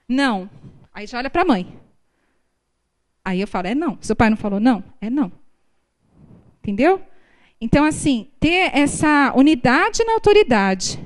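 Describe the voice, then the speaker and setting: A woman with a Brazilian Portuguese accent giving a sermon at a prayer group, speaking conversationally and acting out family dialogues. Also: sits high.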